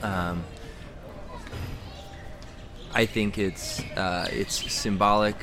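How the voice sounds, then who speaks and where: A man from the American Midwest appears as a guest in a casual conversation outdoors in a city, speaking reflectively and spiritually and tending to ramble. His voice is lowish, steady, and slow, captured in a noisy street recording.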